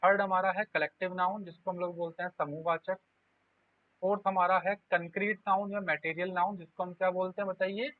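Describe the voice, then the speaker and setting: A man's voice: high-pitched, level tone, fairly quick, dry recording. A man teaching an exam-prep grammar lesson, explaining step by step and voicing his students' questions. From India. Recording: tinny phone-like audio, dry.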